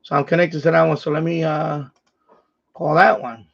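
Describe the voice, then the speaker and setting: Male live stream host, husky higher voice, chatty and muttering with louder radio calls, lo-fi sound. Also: level tone, normal speed. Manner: muttering to himself, with louder call-outs. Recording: dull, lo-fi sound.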